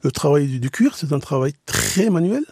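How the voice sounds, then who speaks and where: Craftsman guest, mellow warm tone, dry mic, earnest, repeats himself. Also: on the high side, big pitch swings, moderate pace, breathy edge, dry recording. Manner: earnest, explains with many restarts. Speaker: tanner, radio guest. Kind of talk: radio interview.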